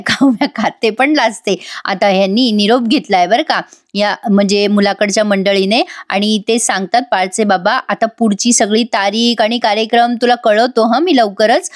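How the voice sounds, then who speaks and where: A woman's voice: medium pitch, no room sound, clean studio sound. A woman giving a chatty voice-over recap of a TV serial episode, talking straight to her viewers. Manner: chatty, addresses viewers directly. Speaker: TV serial reviewer.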